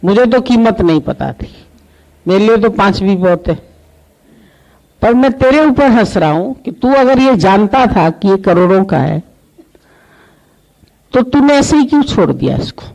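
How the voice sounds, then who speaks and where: Plain-spoken donkey owner, teasing, fairly high voice, as a male preacher puts him on. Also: expressive, a little slow, gravelly, pauses often, darkish tone, full character voice, poor audio. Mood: amused.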